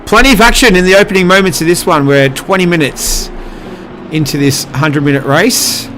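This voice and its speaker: Higher-voiced man calling a motor race. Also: brisk, music in the background. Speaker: motorsport commentator. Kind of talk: live motorsport race commentary, casual.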